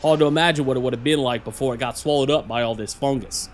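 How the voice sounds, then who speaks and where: A man's voice: medium pitch, fast, a little hiss or hum, close to an everyday voice. A man performing as a chummy, adventurous Australian nature documentary presenter, colloquial and enthusiastic. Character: cheerful, adventurous Australian male wildlife presenter. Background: music.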